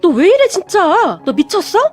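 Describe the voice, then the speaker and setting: A spoiled, indignant young man, read out by a woman narrator in a high, strained voice, with soft music under the story reading. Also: very animated, moderate pace, full character voice.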